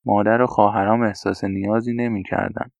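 Man doing a young man raised by women, low creaky voice, confiding, dull dry recording. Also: flat delivery, no room sound. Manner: quiet, confessional recounting.

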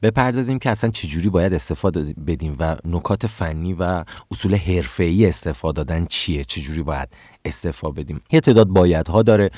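A man's voice: sits low, darkish tone, no echo. A man giving career advice in a casual monologue. He gets heated, stammers, corrects himself, and rises sharply when indignant. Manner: many stammers and self-corrections.

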